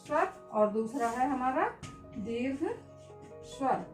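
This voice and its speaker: A woman teacher giving a lesson slowly, repeating key words and asking questions she answers herself. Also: high voice, echoey room, soft background music, rough recording. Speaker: school teacher. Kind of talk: classroom-style lesson.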